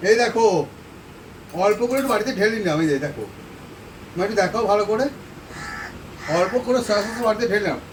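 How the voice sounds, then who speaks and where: A man's voice: high-pitched, fast talker, long pauses, slight background noise. A man hosting a home cooking channel, walking viewers through a recipe step by step, repeating each instruction and speaking to them directly from his kitchen stove. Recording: voice from a distance off the mic. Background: frying sizzle and stirring.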